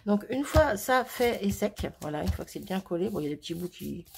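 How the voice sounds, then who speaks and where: A woman's voice: medium pitch, brisk, gravelly, slight background noise. Woman chatting through a craft project. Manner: relaxed, thinking aloud with many fillers and small laughs. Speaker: craft video host. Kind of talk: casual crafting tutorial chat.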